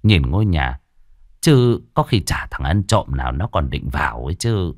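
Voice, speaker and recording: A man narrating an audiobook story in an expressive, colloquial way. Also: extremely low pitch, moderate pace, dry recording, clean studio sound.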